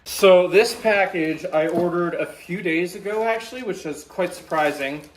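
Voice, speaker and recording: Young man, casual vlog, rambling, candid, sighs and swears, mid-pitched voice. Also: normal speed, a little hiss or hum. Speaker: vlogger.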